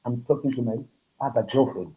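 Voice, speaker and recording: A man from Zimbabwe chatting loudly and jokingly from a hospital room, boastful and playful, recorded on a phone camera. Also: mid-range voice, fairly quick. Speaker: patient filming himself. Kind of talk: casual chat. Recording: tinny phone-like audio.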